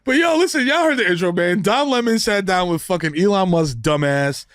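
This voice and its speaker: Animated, loud New man. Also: sits high, brisk, no room sound, clean studio sound. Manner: loud, animated, profane banter. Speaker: podcast host. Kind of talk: casual chat.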